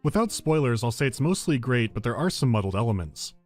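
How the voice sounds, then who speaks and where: A man's voice: medium pitch, big pitch swings, fairly quick, a little mellow. A man narrating a scripted video game review with dry, wry humour. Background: game music.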